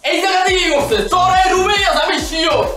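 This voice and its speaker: An actor playing a loud, nosy village neighbor, chasing a thief. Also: male voice, very high-pitched, fast, music in the background. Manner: loud, jeering. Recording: echoey, from far off.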